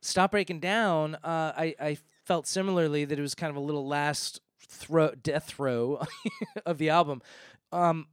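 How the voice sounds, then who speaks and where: A man's voice: on the high side, steady tone, measured pace, clean tone, no echo, studio quality. A man co-hosting a podcast about an album, talking it through thoughtfully and often restarting his sentences. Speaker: podcast co-host. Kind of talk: casual music discussion.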